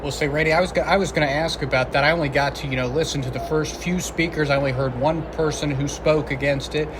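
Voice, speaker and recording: A man's voice: on the high side, steady tone, fast talker. Male journalist talking over background noise. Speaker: journalist panelist. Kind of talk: conversational news discussion. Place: noisy capitol building. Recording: noisy public building, clear background din.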